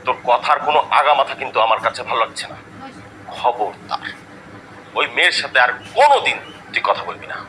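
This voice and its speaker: A man's voice: medium pitch, expressive, a little fast, sharp tone, slight background noise, poor audio. An actor playing a mocking, quarrelsome middle-aged father, over background music. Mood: scolding. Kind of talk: comic drama acting.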